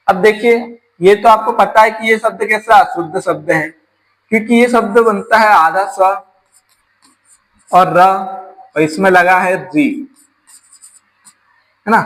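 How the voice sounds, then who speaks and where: High-voiced man teaching exam grammar. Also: fairly bright tone, rough recording. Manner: explains step by step, asks the class rhetorical questions. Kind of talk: exam-prep Hindi grammar lesson.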